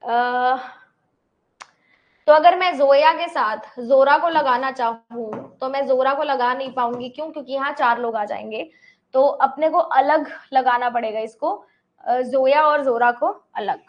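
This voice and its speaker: High-voiced woman teacher, slow and patient. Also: lo-fi sound. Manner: explains step by step, repeats names and checks in with the class. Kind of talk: online class explanation.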